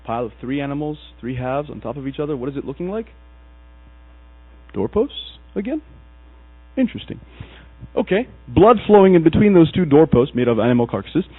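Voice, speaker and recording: Animated preacher man, tinny lo-fi. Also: fairly high pitch, a little fast, long pauses. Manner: casual, animated storytelling with acted asides. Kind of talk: sermon. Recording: tinny lo-fi recording with mains hum.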